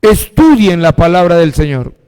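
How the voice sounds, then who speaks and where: A Peruvian male pastor with a voice high for a man preaches a sermon, repeatedly posing questions to his congregation and answering them himself. He is very animated, speaks at a normal pace, and has a darkish yet clean tone. His words fade into a long, reverberant echo.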